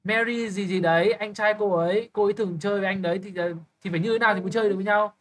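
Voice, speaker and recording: A young man tutoring English, briskly quizzing a student with quick questions and blunt, teasing remarks. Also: high voice, steady tone. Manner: brisk, keeps checking understanding with quick questions. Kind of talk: live tutoring lesson.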